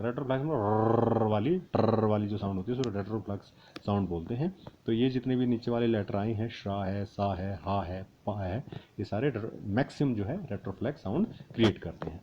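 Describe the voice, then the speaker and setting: A man teaching a language lesson, slowly spelling out syllables and then repeating each whole word. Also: on the low side, highs cut off, slight background noise. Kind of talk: spoken grammar lesson.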